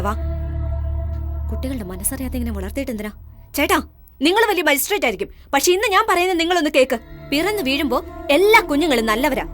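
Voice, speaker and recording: A fiery, sharp-tongued housewife. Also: female voice, sits high. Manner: scolding, lecturing. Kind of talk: film dubbing. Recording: film soundtrack with loud music.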